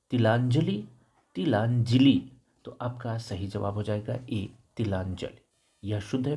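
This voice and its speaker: Man, Hindi test teacher, husky, mellow, methodical, repeats words. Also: medium pitch. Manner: methodical, repeats and spells out each word. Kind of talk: explaining test answers.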